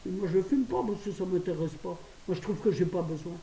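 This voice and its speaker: An older French woman, a vlogger, chats fast to her phone camera inside her apartment, laughing at her own stories. Her voice is fairly low and mellow. The phone audio sounds roomy and distant, with a faint hiss.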